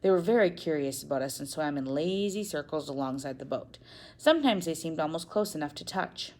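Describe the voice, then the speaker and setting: A woman narrating a first-person novel in an expressive reading, now and then correcting a slip. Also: low-pitched, brisk. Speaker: audiobook narrator.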